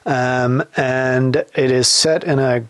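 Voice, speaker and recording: A man hosting a casual gaming podcast, rambling with many pauses and restarts as he explains a campaign he runs. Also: mid-range voice, fairly even intonation, no echo. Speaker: podcast host and campaign games master.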